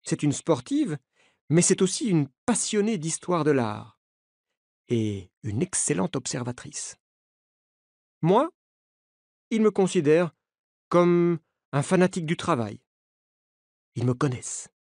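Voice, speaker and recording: A man narrating an audiobook for language learners in a deliberate, carefully articulated way. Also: on the high side, big pitch swings, darkish tone, dry recording, clean studio sound.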